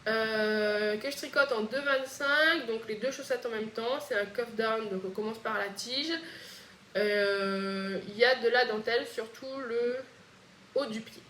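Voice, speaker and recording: Réunion-accented woman chatting about knitting, bit high voice, lots of pauses, echoey room. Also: fairly bright tone, a little hiss or hum. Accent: Réunion French. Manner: chatty, hesitant, frequent pauses. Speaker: knitting podcast host. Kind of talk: casual chat.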